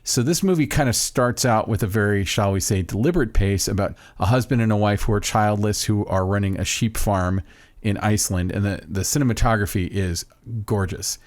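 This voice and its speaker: A podcast co-host with a fairly low, brisk voice gushes about a film he loves, rambling and cutting himself off in casual chat. The recording is dry with clean studio sound.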